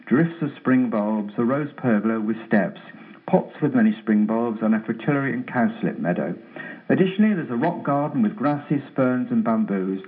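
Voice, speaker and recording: A man phoning into a radio show from a bare, freshly decorated room, his voice echoing as if in a tunnel while he briskly reads out a list of details. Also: mid-range voice. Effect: echoey sound like a tunnel, from a freshly decorated bare room. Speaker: regular garden events contributor. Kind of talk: phoning in to a radio show, reading a listings roundup. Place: newly decorated empty home office. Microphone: telephone. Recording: tinny phone line, echoey room.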